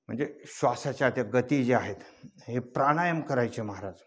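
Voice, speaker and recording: A man's voice: mid-range voice, a little fast. An older man giving a devotional kirtan sermon, teaching in a folksy way, asking rhetorical questions and rising into chanted verse. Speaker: kirtan preacher.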